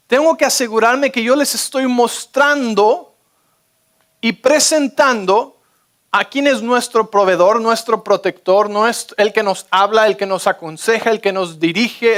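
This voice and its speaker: A man delivers a sermon from the pulpit, with a notably high voice for a man. He preaches with energy and keeps asking his listeners if they are following him. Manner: energetic, keeps checking in with the audience. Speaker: pastor.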